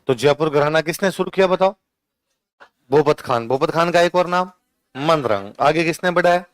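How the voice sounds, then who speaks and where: A male teacher giving an exam-prep lecture with a Rajasthani Hindi accent. He keeps asking questions and answering them himself, and he dictates notes slowly, saying each line more than once. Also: a little high, expressive, clean tone, no echo.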